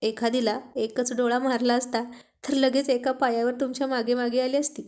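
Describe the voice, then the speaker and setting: Woman voicing a witty young wife, playful, coaxing, high voice. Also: level tone, normal speed, a little mellow, natural voice.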